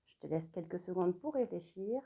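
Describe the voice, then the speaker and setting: A young adult woman teaching a remote spelling lesson to young children, dictating clearly and spelling letters one by one, encouraging the child directly. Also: lowish voice, expressive, moderate pace, mellow. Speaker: primary school teacher.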